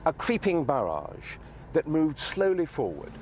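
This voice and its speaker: A man narrating a history documentary in a clear, expressive scripted delivery. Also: fairly high pitch, unhurried, noisy background. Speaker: documentary presenter.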